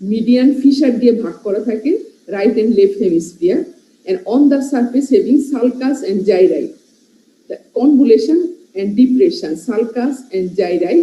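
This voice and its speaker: Bangladeshi woman lecturing, slow and dark. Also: on the high side. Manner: explains by listing terms and checking in with "right?". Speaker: medical lecturer. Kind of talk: classroom lecture mixing Bengali and English. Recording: muffled, echoey classroom recording.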